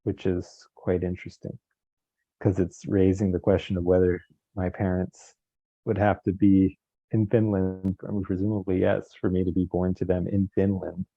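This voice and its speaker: A man in a casual philosophical conversation, measured and bookish, who quotes philosophers as he speaks. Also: low-pitched, little pitch movement, gravelly, no room sound, dull audio. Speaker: co-host in discussion.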